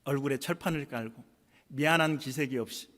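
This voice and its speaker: Korean pastor preaching in reverberant hall. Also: male voice, medium pitch, a little fast, fairly bright tone. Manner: storytelling, acting out quoted dialogue with rising intensity. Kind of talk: sermon. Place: church sanctuary.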